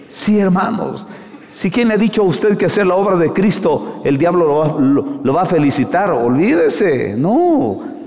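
A middle-aged man preaching an evangelical sermon, calling listeners brother and firing rhetorical questions, dropping to low murmurs then rising to high, urgent cries. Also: mellow, in a large hall.

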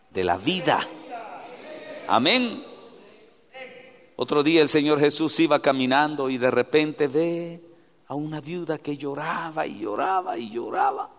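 A man preaching with a fairly high voice, dropping to hushed asides and then rising into loud, fervent exhortation. He calls his listeners brother as he talks to them directly. His voice rings with a long hall reverb. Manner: swings from soft, near-whispered asides to loud fervent exhortation. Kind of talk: sermon.

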